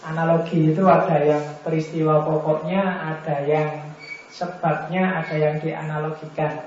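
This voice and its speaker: A man's voice: on the high side, little pitch movement, moderate pace, a little mellow, slight background noise. A man giving an informal philosophy lecture, conversational and teasing, full of rhetorical questions. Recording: very echoey, dull lo-fi room recording.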